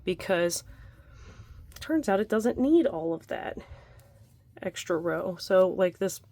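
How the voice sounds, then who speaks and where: A woman's voice: lowish voice, animated, slow, warm tone. A young adult woman leading a casual crochet tutorial at home, chatty and laughing often, breathing heavily from the effort. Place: home room by a window.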